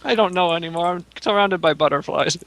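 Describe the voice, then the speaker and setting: A man's voice: sits high, brisk, a bit bright, a little hiss or hum. A man playing a tabletop game, bantering in a wry, insistent way. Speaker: player.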